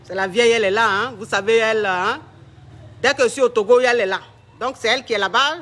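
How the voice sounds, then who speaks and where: A man's voice: extremely high pitch, steady tone, quick pace, bright, forceful tone. A man, a relationship coach talking on a live stream at home, flamboyant and mocking in his delivery. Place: at home with family around.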